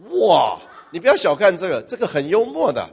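A male pastor preaching a lively, humorous sermon and firing questions at his congregation. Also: high voice, brisk, gravelly, husky. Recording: long church-hall reverb.

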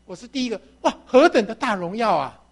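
Woman preacher delivering an animated sermon, pitch swinging widely, questions to the congregation, acts out the story's voices. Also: fast talker.

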